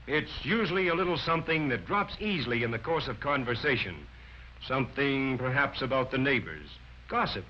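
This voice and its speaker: Over a dull, band-limited 1940s film soundtrack with music and a little hiss or hum, a man with a mid-range voice delivers scripted instructional narration. His tone is emphatic, declarative and instructive.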